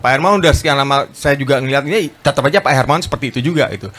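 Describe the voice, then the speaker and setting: A man speaking to an audience at a book talk, lively and chatty, acting out quoted voices and often addressing listeners politely. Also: mid-range voice. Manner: animated, fast, acts out quoted voices, often adds "Pak". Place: bookstore event space.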